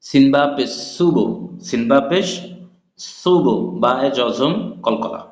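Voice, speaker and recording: A man teaching a Quran recitation class, patiently spelling out letters and vowel marks, then chanting the words slowly. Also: medium pitch, darkish tone. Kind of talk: spoken lesson with chanted examples. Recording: echoey, dull lo-fi room recording.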